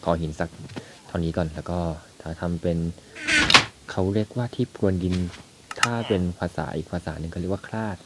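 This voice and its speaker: Casting: young male gamer, very low voice, relaxed thinking-aloud commentary, heavy background noise. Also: brisk. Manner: chatty, thinks aloud while playing. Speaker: gaming YouTuber. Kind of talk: casual game commentary.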